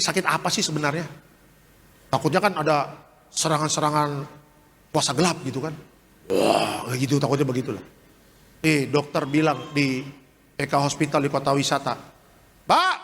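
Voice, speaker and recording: High, bright-voiced pastor telling a testimony. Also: male voice, a little hiss or hum. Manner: animated storytelling with joking asides to the congregation. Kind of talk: sermon testimony. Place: church hall. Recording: live stream in a reverberant church hall.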